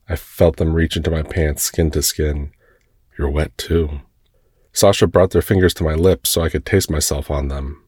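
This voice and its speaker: A man reads a first-person erotic story in a soft, unhurried voice. His voice is very deep with a husky grain. The recording is close and dry. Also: no room sound. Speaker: story narrator.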